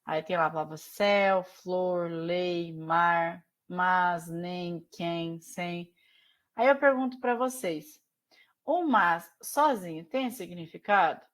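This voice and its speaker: A woman with a Brazilian accent teaching a Portuguese class over a video call, explaining slowly and often checking in with her students. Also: fairly low pitch. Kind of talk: online class lecture.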